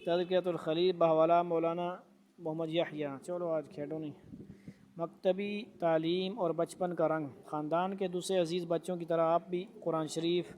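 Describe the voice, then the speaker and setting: Flat-voiced man teaching from a book. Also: a little high. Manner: reads a passage, then asks rhetorical questions and explains. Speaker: religious teacher. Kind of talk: reading a religious book aloud with commentary.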